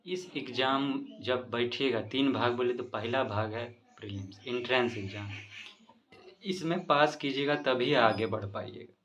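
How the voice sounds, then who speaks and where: A man with a Bihari accent explains an exam in a chatty, folksy manner and keeps checking that the listener understands. His voice sits at a middle pitch. The recording sounds slightly dull and lo-fi. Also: unhurried, fairly bright tone. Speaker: exam coaching presenter. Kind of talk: casual explainer lesson.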